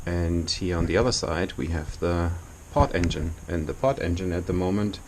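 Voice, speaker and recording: A very low-pitched man with non-native English talks through an informal video tour of his boat. His delivery is halting and explanatory. He is recorded in a small engine compartment, with clear noise behind the voice. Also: darkish tone. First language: not English. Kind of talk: informal vlog walkthrough.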